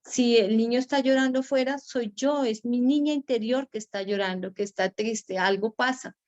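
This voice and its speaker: A woman's voice: fairly high pitch, darkish tone. Earnest woman on a muffled video call. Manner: slow, earnest, repeats phrases for emphasis. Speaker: group participant sharing reflections. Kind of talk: reflective spiritual sharing. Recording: lo-fi online call audio.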